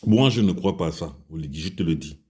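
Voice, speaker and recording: Man, Gabonese French accent, husky, lowish voice, heated crude monologue. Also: lively intonation, fast talker, dark tone. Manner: heated, crude, repetitive storytelling. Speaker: commentator. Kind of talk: angry personal monologue.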